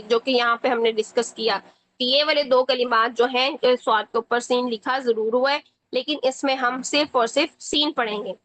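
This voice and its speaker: A woman teaching Quran reading in a step-by-step tajweed lesson, patient and repeating each word slowly for the learner. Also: high-pitched, a bit bright, poor audio. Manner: checks in often with short asides.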